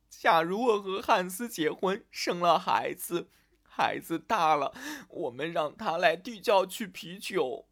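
A man's voice: high-pitched, fairly bright tone, pitched above the performer's own voice, full character voice. A man voicing a young woman who frets and sobs over imagined troubles in a storybook. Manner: sobbing, wailing worry. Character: young woman Elsa, anxious overthinker, weeps easily.

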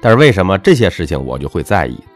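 Deep-voiced man lecturing emphatically. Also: sing-song, fast, no room sound, faint music behind. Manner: emphatic, lecturing, swings between punchy highs and dropped low endings. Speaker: self-help speaker. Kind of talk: motivational monologue with personal anecdote.

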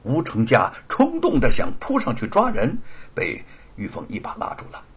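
A man narrating a traditional story in a dramatic, animated storytelling style, with a husky voice. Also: moderate pace. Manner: dramatic, highly animated delivery.

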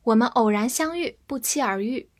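A woman teaching English vocabulary who spells each word letter by letter and reads the example sentences slowly. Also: on the high side, lively intonation. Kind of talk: vocabulary lesson.

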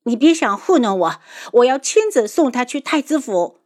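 A woman voicing a fierce, headstrong young noblewoman in an audiobook, shrill and impassioned. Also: very animated, normal speed, darkish tone. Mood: scornful. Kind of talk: audiobook character voice.

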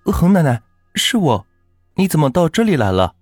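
A man voicing an eager, caring young village girl in a told ghost story, calling out brightly. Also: on the high side, big pitch swings, moderate pace, slightly rough, dry recording, soft background music, voice pushed up. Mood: delighted.

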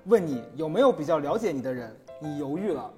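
High-voiced man, reflective chat. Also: sing-song, fast talker, a little mellow, big-room sound, soft background music. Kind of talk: casual chat over a meal.

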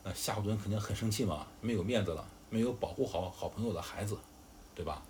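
A man tells a classic tale to his child in a casual, chatty way, stopping to explain and add asides. His voice sits fairly low. There is a faint hiss in the recording. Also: quick pace, a little mellow. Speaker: father telling a story to his child. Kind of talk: casual storytelling.

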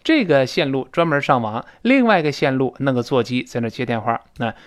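Lively male English teacher drilling pronunciation. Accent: Mandarin Chinese. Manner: repeats words slowly, often drawn out, to demonstrate; lively, frequent pitch jumps for emphasis. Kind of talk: spoken English lesson explaining pronunciation.

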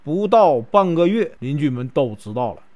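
A chatty male storyteller with a Northeastern Mandarin accent, stretching particles as he spins a classic tale. His voice is fairly high for a man. His pitch swings in a lively, animated way. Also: lo-fi sound. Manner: chatty, with drawn-out filler particles. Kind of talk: casual storytelling of a classic novel.

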